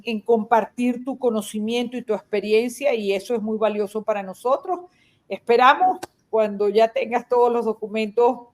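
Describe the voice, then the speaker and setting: A woman's voice: medium pitch, a little mellow. A woman moderating a medical webinar, thanking the guest with many fillers. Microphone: video call.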